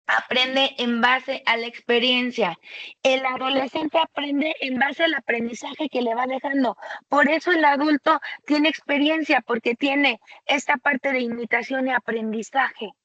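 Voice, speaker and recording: A woman presenting a webinar lecture for tutors, explaining slowly and conversationally and often checking in with a rhetorical "¿sale?". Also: high voice, fairly even intonation, a bit bright, dry recording, dull audio.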